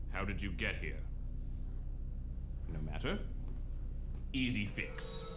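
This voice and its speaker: A self-important author turned game narrator, with a fairly low voice. He is fussy, formal and theatrical, with music playing behind him. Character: pompous, defensive author moonlighting as narrator.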